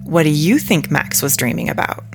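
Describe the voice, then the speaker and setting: A cloyingly sweet, unsettling mother figure, as a male narrator puts her on, pitched well above his own voice and kept soft and hushed. She teases and coaxes with quiet, insistent conviction. It has the feel of a spoken storybook. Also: very animated, moderate pace, creaky, faint music behind. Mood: sweetly teasing. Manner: sweet, teasing, coolly insistent. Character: smug eerie woman claiming to be mother.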